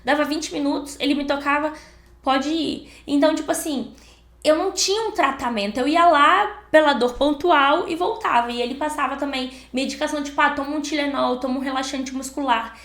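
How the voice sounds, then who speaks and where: A young Brazilian vlogger with a Brazilian Portuguese accent talks directly to camera, casual and animated, acting out what other people said to her. Her voice is high and a little fast, and the room is echoey.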